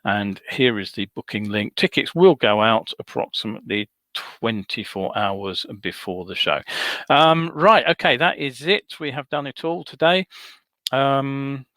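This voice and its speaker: Bright man hosting a webcast. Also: medium pitch, no room sound. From United Kingdom. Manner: measured, advisory, frequent ums and uhs. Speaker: host of a motorcycle safety webcast. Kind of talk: solo live webcast talk.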